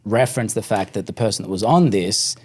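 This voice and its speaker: A man's voice: fairly low pitch, brisk, darkish tone, breathy edge. Casual man hosting a podcast. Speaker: podcast host. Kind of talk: casual chat.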